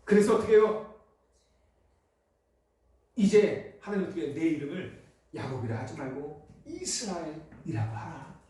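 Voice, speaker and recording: A man's voice: fairly high pitch, sing-song, normal speed, pauses often, mellow. A man preaching a Sunday sermon in a church, asking the congregation questions and answering them himself. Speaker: pastor. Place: church sanctuary. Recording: echoey church hall from far off.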